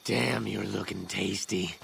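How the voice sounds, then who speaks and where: An actor playing a flirty, sleazy male casino escort in a video game, with a gravelly voice. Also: sits low, fairly even intonation, a little slow, a bit bright, exaggerated voice, low-quality recording. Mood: flirtatious. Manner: sleazy, suggestive.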